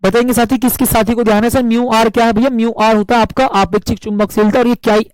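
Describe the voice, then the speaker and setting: A man teaching a live online physics class with a sore throat, speaking slowly and drilling students with repeated questions and answers. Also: very high voice, level tone, a little mellow, clear, resonant tone, no echo, low-quality recording. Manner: asks viewers to comment answers.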